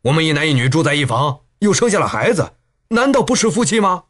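Gruff, cursing swordsman, as a narrator puts him on. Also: a little high, sing-song, quick pace, a bit bright. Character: rough, cursing young male swordsman.

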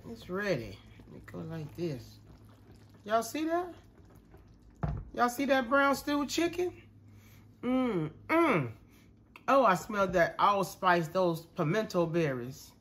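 A congested man narrating a casual cooking video from his home kitchen, relaxed and chatty, talking to viewers as y'all. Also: high-pitched, slow pace, pauses often, a little hiss or hum. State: congested, coughing. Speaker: home cook.

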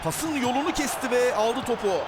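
A man doing excited, dramatic football play-by-play commentary, shouting emphatically and screaming at big moments. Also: very high-pitched, normal speed. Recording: very loud noise behind the voice.

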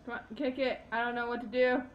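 A woman's voice: on the high side, flat delivery, fast talker, lo-fi sound, a little hiss or hum. A young woman playing a game for the first time and chatting casually, flustered and confused, with mild swearing and defensive retorts. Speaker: gaming channel co-host playing the game. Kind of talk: casual gaming chat.

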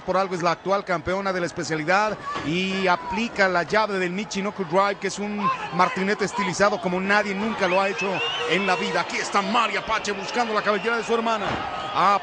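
A Mexican man calls live wrestling in a high voice. His wrestling commentary is florid and formal in its phrasing. A very loud crowd and heavy noise surround him. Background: roaring arena crowd.

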